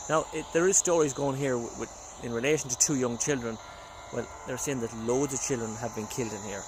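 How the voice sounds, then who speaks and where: A man's voice: medium pitch, fairly quick, background noise. An Irish man casually narrating a paranormal investigation and calling out questions, often repeating his phrases. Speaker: paranormal investigator and channel host. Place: at a castle and woods. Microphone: phone.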